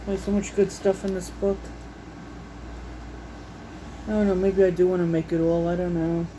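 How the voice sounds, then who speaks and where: A vlogger at home flips through a recipe book, chatting unscripted, reading recipes aloud and musing to herself in a homey, folksy way. Her voice is on the low side and her delivery completely flat, at a quick pace over a noisy background.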